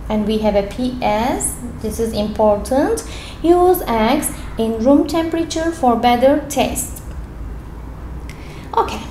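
A woman with a high, mellow voice reads English worksheet questions aloud over a paper sheet at an indoor desk, explaining each answer step by step; Turkish is her first language. The audio is poor, reverberant, and has a little hiss or hum.

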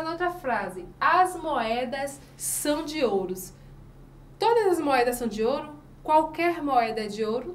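A woman teacher with a Brazilian accent giving a review lesson for children, sounding out example words slowly and answering her own questions. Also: sits high, far from the mic, slight background noise. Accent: Brazilian Portuguese. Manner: slow, emphatic spelling out of example words. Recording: echoey room, voice off-mic.

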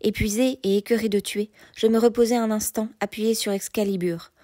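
Hushed woman narrating an audiobook. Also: medium pitch, little pitch movement, no echo, studio quality. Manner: measured, softly hushed reading.

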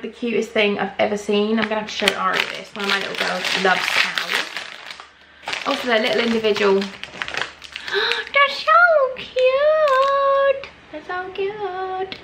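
A young English woman chatting excitedly as she tries snacks on her vlog at home, gasping at what she finds. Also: mid-range voice, a little fast, creaky, background noise. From England. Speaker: vlogger. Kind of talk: casual snack-tasting vlog.

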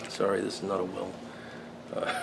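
An American man in his fifties giving a casual, rambling video review in a halting, unhurried way, recorded in a small workshop. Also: low voice, monotone. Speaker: pipe tobacco reviewer. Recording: clearly noisy room background.

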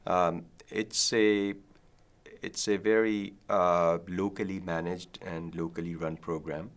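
Deep, gravelly-voiced man from Pakistan. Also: steady tone. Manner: thoughtful, many ums and pauses. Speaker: guest, professor. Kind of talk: academic interview. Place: dark studio set, seated.

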